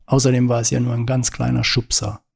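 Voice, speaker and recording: A man's voice: medium pitch, completely flat delivery, a little fast, creaky, darkish tone, slightly rough. A man reading an audiobook and voicing a laid-back young driver who answers in a dry, offhand way.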